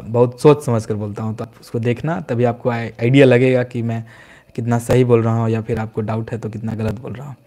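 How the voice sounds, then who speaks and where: A young man running a relaxed live question-and-answer stream for exam students. His voice is mellow and dark in tone at an ordinary middle pitch. He talks in a chatty way, answering viewer comments one by one and slipping English phrases in as he goes.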